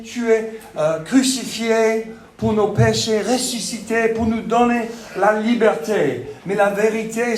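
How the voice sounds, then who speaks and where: A pastor from Texas, a native English speaker, preaches a sermon in French, his second language, with a Texan accent and a fairly high voice. He jokes and pokes fun at himself, halting often with fillers, in an echoey church hall.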